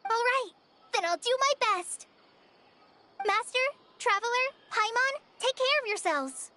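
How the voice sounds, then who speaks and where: A woman's voice: extremely high pitch, animated, measured pace, pushed and bright, slight background noise, full character voice. A woman voicing a shy, eager young female apprentice in a video game. She speaks earnestly and stammers when unsure.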